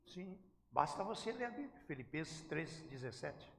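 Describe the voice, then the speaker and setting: Male pastor preaching hard, gravelly voice, keeps asking the church questions, big roomy echo. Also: on the high side, sing-song, moderate pace, a bit bright, slight background noise. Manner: emphatic, questions the congregation. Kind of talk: sermon. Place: church sanctuary. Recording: echoey church hall.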